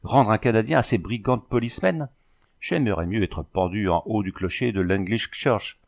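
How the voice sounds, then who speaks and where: A man's voice: on the low side, normal speed, gravelly. A man reading the part of a blustering old male carter in a storybook, folksy and exclamatory. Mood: indignant.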